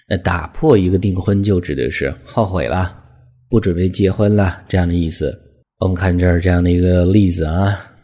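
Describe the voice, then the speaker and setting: Deep-voiced male English tutor, dark and husky, patient with slow repeats. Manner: patient, repeats words slowly for pronunciation. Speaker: English teacher. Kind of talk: explaining English vocabulary.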